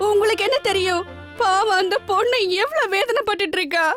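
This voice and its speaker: A woman's voice: extremely high pitch, brisk. An actress playing an emotional middle-aged mother who cries easily, in a TV serial with music behind. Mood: tearful. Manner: tearful, emotional. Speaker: mother, mother-in-law. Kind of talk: TV serial acting.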